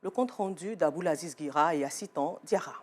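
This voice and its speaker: A woman's voice: low voice, a little fast, heavy background noise. A woman with an Ivorian French accent presenting the evening news, reading steadily with frequent small hesitations. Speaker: news anchor.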